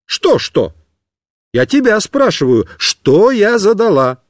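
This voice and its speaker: A man's voice: high voice, sing-song, slow pace, dry recording, studio quality, voice pushed up, heavily acted. A man reading a story aloud and voicing a stern, irritable woman schoolteacher who scolds and insists on answers. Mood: demanding.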